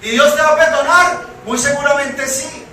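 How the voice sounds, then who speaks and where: A Colombian-accented man preaches a sermon and keeps asking the congregation rhetorical questions. His voice sits very high and sounds bright and forceful. He is recorded from a distance in a very echoey church hall, with faint music behind him. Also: normal speed. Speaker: pastor.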